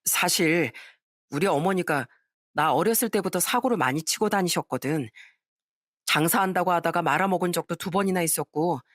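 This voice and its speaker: A woman's voice: on the low side, no echo, studio quality. A woman voicing a polite young husband who talks to his mother-in-law and his wife. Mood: confiding. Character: young married husband, attentive and reassuring.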